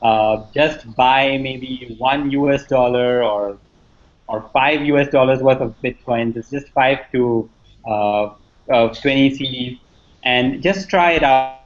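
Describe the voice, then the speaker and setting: A man's voice: mid-range voice, slow pace. A man, a guest in a casual online discussion, speaking in an earnest, encouraging way. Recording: dull lo-fi online call audio.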